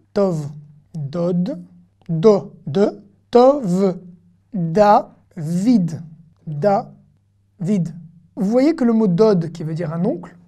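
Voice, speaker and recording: A woman teaching an online language lesson in a mellow, warm voice. She sounds out each syllable slowly and patiently. She often pauses to check that her viewers are following. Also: mid-range voice.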